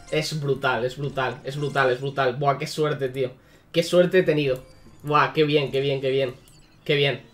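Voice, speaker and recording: A man giving casual, sarcastic commentary on a mobile game, swearing freely. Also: a little high. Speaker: gaming YouTuber.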